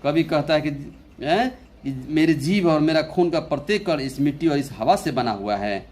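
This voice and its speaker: A young man teaching an English poem in Hindi as an Indian English speaker, talking slowly, repeating his phrases and reading the English lines very slowly. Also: on the high side, animated, darkish tone. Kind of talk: Hindi poetry lesson explaining a poem.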